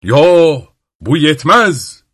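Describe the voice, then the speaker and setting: A stubborn old man of a grandfather shouts back in a higher, louder voice that rises and falls hard, played by a man reading aloud. His talk is defiant and blunt, recorded close and dry. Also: wildly swooping pitch, a little slow, no echo, heavily acted. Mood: furious. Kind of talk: storybook reading.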